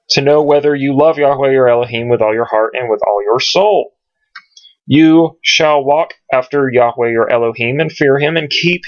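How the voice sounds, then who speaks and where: A man teaching from scripture at home in a casual, rambling way, searching his computer aloud with many pauses and ums. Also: on the high side. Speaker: Bible teacher. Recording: dull lo-fi home recording.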